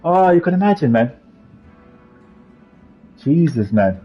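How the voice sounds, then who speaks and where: On a casual live stream, a man from Cork, Ireland, jokes and rants with plenty of swearing. He speaks slowly but very animatedly in a voice on the high side, over faint music and slightly muffled audio.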